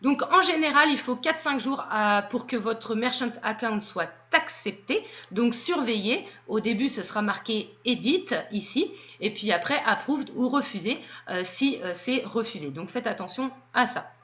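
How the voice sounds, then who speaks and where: A woman walking viewers through setting up an online seller profile, explaining step by step and pausing often with fillers. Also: a little high, lively intonation, a bit bright, lo-fi sound. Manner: hesitant, explanatory, with frequent fillers. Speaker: tutorial presenter. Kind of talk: screen-recorded software walkthrough.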